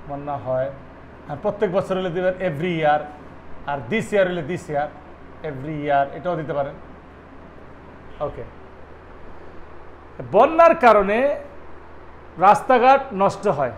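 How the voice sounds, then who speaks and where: A man's voice: high-pitched, a little hiss or hum. A man teaching an English lesson, asking and answering his own questions and spelling words out letter by letter. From Bangladesh. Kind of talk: spoken language lesson.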